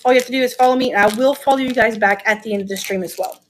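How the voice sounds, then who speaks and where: A woman's voice: a little high, very fast, slight background noise. A woman hosting a casual live-stream auction, chatting enthusiastically and thinking aloud as she shows each item.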